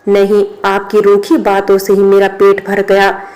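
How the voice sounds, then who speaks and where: Brief: an earnest young maid who takes offense easily, monotone, voiced by a woman narrator. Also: medium pitch, measured pace, lightly acted.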